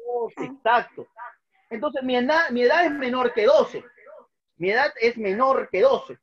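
With a very high, slightly bright voice and an unhurried pace, a man in his thirties runs an online math class at a whiteboard in a small room. He patiently repeats every step and puts questions to his students, though the audio is dull.

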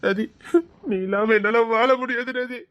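A woman's voice: fairly high pitch, steady tone, moderate pace, no room sound, muffled recording, natural voice. A woman voicing a desperate young man in love who pleads and threatens in an audio drama. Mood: pleading. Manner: pleading, repeats her name, emotional threats. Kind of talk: Tamil audio drama acting.

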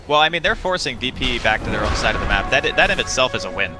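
A man's voice: mid-range voice, sing-song, fast talker, over music, low-quality recording. A man giving casual, matter-of-fact color commentary on a competitive video game match. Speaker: esports analyst.

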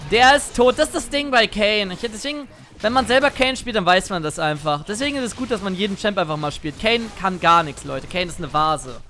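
A high, bright male voice commentates his own match in an excitable, playful way. He talks into a headset or desk mic at a home gaming setup, with a faint hiss of noise behind him. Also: fairly quick. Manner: excitable, playful, jumps to shouts. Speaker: gaming streamer. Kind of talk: let's play commentary.

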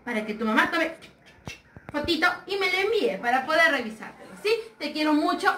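Bright high-voiced preschool teacher. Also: female voice, lively intonation, a little fast, echoey room, recorded from a distance, slight background noise. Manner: sweet, sing-song, coaxing and affectionate. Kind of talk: remote lesson for young children.

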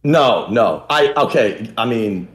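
A young man on a video call, chatting as a dating contestant in a deadpan, trolling way with frequent laughs. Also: medium pitch, takes it slowly, a crowd in the background. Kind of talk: casual video-call chat. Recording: echoey room.

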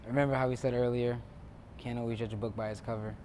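A man's voice: mid-range voice, fast talker, noisy background, close to an everyday voice. A man acting as a polite, easygoing waiter who turns out to own the restaurant, over background music. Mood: kind. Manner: polite, patient, relaxed. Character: friendly easygoing male waiter, secretly the owner. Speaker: actor in a web skit. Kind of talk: scripted skit acting.

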